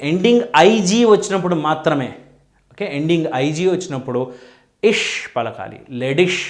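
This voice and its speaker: A man teaching a language lesson, spelling words out letter by letter and repeating each rule. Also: fairly high pitch. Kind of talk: classroom lesson.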